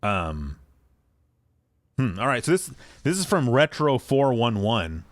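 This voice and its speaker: This podcast co-host speaks slowly in a medium-pitched voice, relaxed and somewhat rambling as he goes through listener mail in a casual chat. The recording is dry and studio quality.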